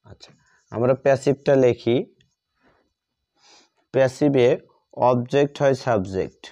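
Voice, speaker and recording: This man's mid-range, mellow voice moves at a measured pace as he writes out examples in a step-by-step grammar lesson. He dictates word by word and goes over things more than once, and the audio sounds dull and lo-fi.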